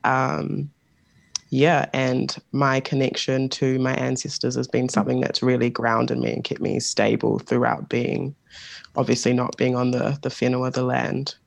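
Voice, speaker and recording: Creaky, hesitant New guest. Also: mid-range voice, little pitch movement, measured pace. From New Zealand. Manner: hesitant, many ums, laughs lightly. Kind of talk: casual interview chat.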